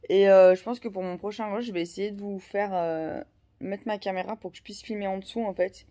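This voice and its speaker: A woman's voice: mid-range voice, steady tone, a little fast, mellow. Rambling French-speaking woman vlogger. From France. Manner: rambling, many fillers and restarts. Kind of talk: casual vlog chat.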